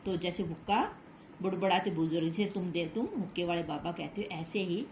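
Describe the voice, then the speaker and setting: Teacher explaining a story to children. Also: female voice, fairly low pitch, brisk, a little mellow. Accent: Hindi. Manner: explains each line again in simple words, asks the class questions. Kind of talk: reading and explaining a story to young pupils. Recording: echoey room with faint background noise.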